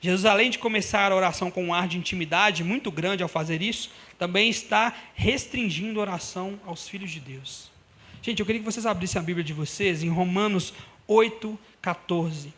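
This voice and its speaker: A man's voice: high-pitched, brisk, fairly bright tone. A young man preaching a sermon in a church, talking conversationally and speaking straight to the congregation. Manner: conversational, addresses the congregation directly.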